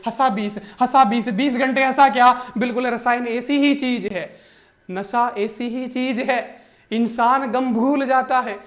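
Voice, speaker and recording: High-voiced joking coaching teacher. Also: male voice. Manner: animated and joking, keeps calling the viewer brother. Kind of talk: comic mnemonic lesson.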